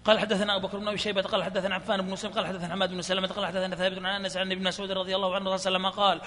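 Fast high-voiced man reciting hadith. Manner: reads fast in a flat chant, laughs softly at times. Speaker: hadith reader. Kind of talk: rapid recitation of hadith chains. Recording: reverberant hall with faint noise.

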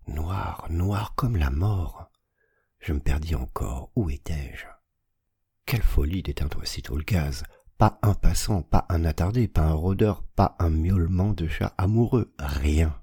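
A man reading a classic story aloud as an audiobook narrator, in a measured, dramatic style that slows on images and swells at tense moments. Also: very deep voice, dark tone, husky, no echo, studio quality. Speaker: audiobook reader.

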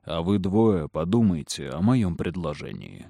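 A man playing a cold, manipulative noble father who speaks slowly and firmly. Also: sits low, big pitch swings, creaky, warm tone, no room sound, clean studio sound, pitched below the performer's own voice, exaggerated voice. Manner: slow, firm, measured. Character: cold powerful aristocratic father, calm and manipulative.

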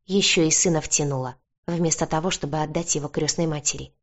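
Woman, audiobook narrator, low voice, first-person storytelling, muffled lo-fi sound. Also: brisk.

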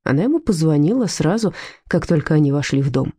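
A woman narrating a story with wry, vivid, expressive storytelling. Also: sits low, fast talker, husky, no echo, clean studio sound. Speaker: audiobook narrator.

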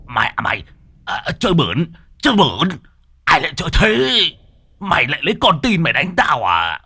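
A man's voice: a little high, wildly swooping pitch, moderate pace, breathy edge, voice pushed up, exaggerated voice. Man playing a cursing hot-tempered old exorcist. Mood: outraged. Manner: angry sputtering shouts.

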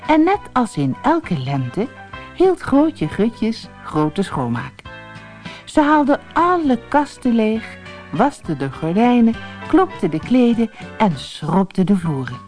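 A woman reading a children's fairy tale aloud as a narrator, in a slow, lively storytelling manner. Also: on the high side, faint music behind.

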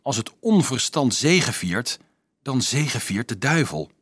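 Audiobook role: man doing an insistent, anxious boy, lively and animated, dry close sound. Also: medium pitch, a little slow, slightly rough, no room sound, full character voice. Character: earnest, stubborn, anxious young boy.

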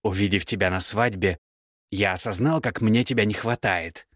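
A man's voice: fairly low pitch, moderate pace, a bit bright, no echo, studio quality. A man reading an audiobook voices a self-assured young male mage who pleads and justifies himself. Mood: pleading. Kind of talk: audiobook character voice.

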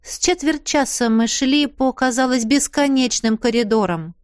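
A woman reading a first-person fantasy novel aloud as an audiobook narrator, with a lively, expressive delivery. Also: high-pitched, normal speed, clean tone, no room sound, studio quality.

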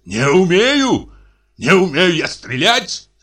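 A man voicing a quarrelsome retired captain who yells insults in a piercing, shrill tenor. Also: sing-song, measured pace, exaggerated voice. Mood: indignant. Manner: yelling insults, mocking.

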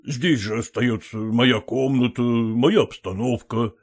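A man's voice: mid-range voice, takes it slowly. A tearful, pleading nobleman. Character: sentimental, pleading aging nobleman. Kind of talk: audiobook character reading.

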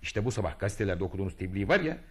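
A man's voice: low-pitched, very animated, very fast. A man acting a vain, boastful would-be freedom hero in a radio drama, telling his deeds grandly and muttering to himself. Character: boastful self-styled male freedom hero, pompous, vain.

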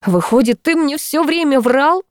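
A woman reading an audiobook, voicing a furious, scornful young woman who lashes out in raised, sharp outbursts. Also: high voice, expressive, unhurried, no room sound, clean studio sound, voice pushed up.

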